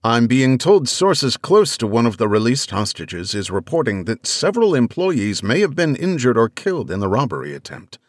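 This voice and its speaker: A man voicing a male morning radio news host in an audiobook, with a brisk announcer delivery. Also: medium pitch, big pitch swings, no echo. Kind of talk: audiobook character voice.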